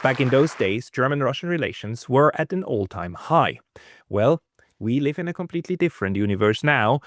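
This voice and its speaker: A man hosting an interview, opening with a measured, storytelling introduction before asking questions. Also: mid-range voice, a little hiss or hum. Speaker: host.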